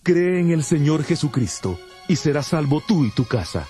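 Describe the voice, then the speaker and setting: An actor playing a bold, commanding apostle in a dramatized Bible, speaking emphatically. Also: male voice, fairly high pitch, very animated, moderate pace, dark tone, faint music behind. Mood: earnest proclaiming. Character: Paul, bold commanding apostle of early Christianity.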